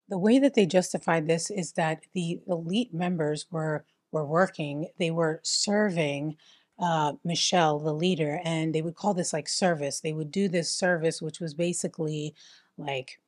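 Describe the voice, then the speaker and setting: A woman's voice: on the low side, a little mellow, no room sound, clean studio sound. A woman hosting a vlog who talks in a casual, chatty way and fills her sentences with "like" and "whatever.". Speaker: host. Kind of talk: casual chat.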